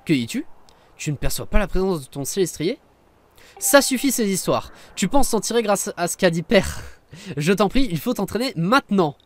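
A man reading aloud the lines of a caring, earnest young woman from a video game in a plain, even voice. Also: high voice, moderate pace. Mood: urging.

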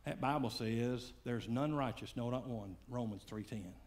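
A man preaching a sermon, swinging between loud fiery calls and hushed, quiet lines. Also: medium pitch, moderate pace. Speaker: pastor.

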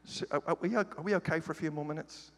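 Speaking fast in a slightly high voice, a middle-aged British guest pastor delivers a humorous sermon full of funny stories and joking, playful asides. The setting is a large church sanctuary, and the recording carries the echo of the hall along with a faint ambience.

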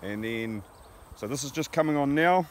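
A man, telling stories in a casual, unhurried way with many fillers, first outdoors in an orchard and then riding in a van. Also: medium pitch. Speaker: guest, fisherman and orchard grower. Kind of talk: casual chat. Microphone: handheld camera held by the host. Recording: steady background noise from outdoors and car. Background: outdoor ambience and road noise.

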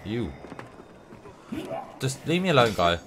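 A young streamer with a runny nose gives casual, rambling, playful commentary on the game he's playing. His mid-range voice is sing-song and slow. Noisy game sound sits behind his speech.

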